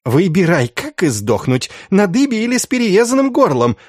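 A man's voice: very animated, moderate pace, a little mellow, dry recording, clean studio sound. A man voicing a fat, capricious monk inquisitor who bellows for torture. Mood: mocking. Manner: shrill, bellowing, petulant.

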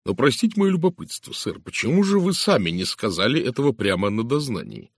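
A man voicing a brisk, hearty middle-aged police inspector who talks loudly and with energy. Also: medium pitch, wildly swooping pitch, breathy edge, no room sound, pitched above the performer's own voice, full character voice.

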